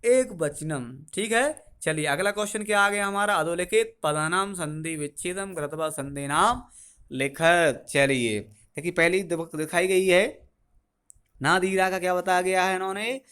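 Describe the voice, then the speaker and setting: A man teaching a school grammar lesson, asking questions and answering them himself and repeating key terms slowly. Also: sits high, a bit bright, clean tone.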